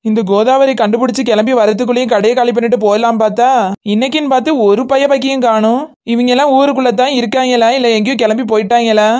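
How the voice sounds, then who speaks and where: A woman voicing a fast-talking cartoon chicken thief. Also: on the high side, a little mellow, close to an everyday voice. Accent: Kanyakumari Tamil. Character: scheming woman who steals chickens, defensive.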